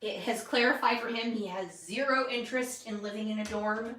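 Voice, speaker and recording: A woman's voice: fairly high pitch, brisk, a bit bright, echoey room, recorded from a distance, slight background noise. A woman vlogging casually while she makes a scrapbook page, rambling and self-deprecating as she talks. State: hiccuping. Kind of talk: casual chat while crafting.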